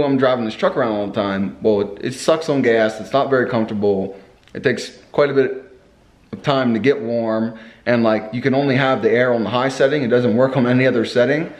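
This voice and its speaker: Young man, mid-range pitch, slight lisp from braces, casual rambling vlog chat, car vlogger. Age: young adult. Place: indoors in a home kitchen. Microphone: camera at arm's length or on the table.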